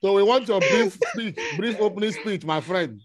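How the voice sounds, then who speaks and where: A Nigerian man with an Igbo accent hosts an online meeting, giving courteous, halting welcomes. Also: sits high, wildly swooping pitch, over a noisy crowd. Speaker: host of an online alumni meeting. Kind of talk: informal formal welcome speech. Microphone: online video call.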